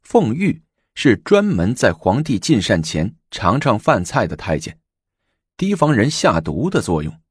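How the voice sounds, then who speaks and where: Husky male storyteller. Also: lowish voice, huge pitch swings, unhurried, dry recording, clean studio sound. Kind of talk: storybook narration.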